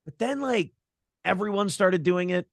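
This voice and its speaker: Animated and high-voiced, this guest from Minnesota, an American podcast and morning show host, chats informally and rambles through stories with blunt profanity. He keeps a moderate pace, and the studio sound is clean with no echo.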